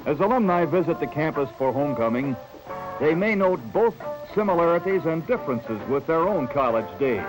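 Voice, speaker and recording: A man reads a 1970s newsreel in a crisp, upbeat announcer style. His voice sits a little high for a man. A music bed plays clearly beneath him. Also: sing-song, moderate pace, low-quality recording. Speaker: newsreel narrator.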